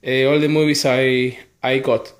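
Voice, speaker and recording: An Argentine man with a medium-pitched, flat voice chats casually to the camera from a small, echoey bedroom, showing off a collector's haul. A native Spanish speaker with an Argentine accent, he lists the titles one by one in a halting, apologetic way.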